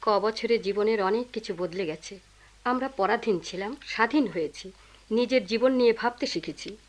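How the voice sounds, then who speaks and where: একজন অভিনেত্রী বাস্তববাদী, কড়া মধ্যবয়সী মায়ের চরিত্রে, নব্বইয়ের দশকের বেতার নাটকের ঢঙে।. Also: female voice, medium pitch, moderate pace, natural voice. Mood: firm. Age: middle-aged. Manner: firm, reproachful. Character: practical middle-aged mother, sharp-tongued and tired. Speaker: mother of grown children. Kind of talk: 1990s radio drama acting.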